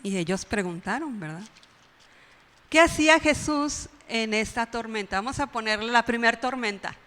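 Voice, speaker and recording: A woman's voice: a little high, moderate pace, a bit bright, big-room sound. A woman preaching a conversational sermon, often tossing in "¿verdad?" and laughing at her own retellings. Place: church hall.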